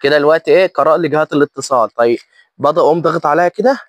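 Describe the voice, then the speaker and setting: A man's voice: a little high, racing, no echo. An Egyptian-accented man giving a casual tutorial as a vlogger, often asking and answering his own questions. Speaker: vlogger demonstrating his phone.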